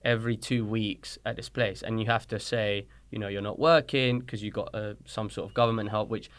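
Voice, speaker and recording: Speaking a little fast in a lowish voice, this Colombian-born, London-raised man in his thirties has a British accent. He's a soccer coach appearing as a guest in a casual interview, an animated storyteller who performs the dialogue he quotes.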